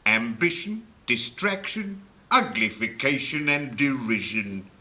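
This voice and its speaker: A man playing an old, stiff, mournful turtle, solemn and sentimental with drawn-out words, in a 1950s dramatised storybook recording. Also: mid-range voice, expressive, pushed and bright, exaggerated voice. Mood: solemn, nostalgic. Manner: slow, drawn-out, solemn delivery.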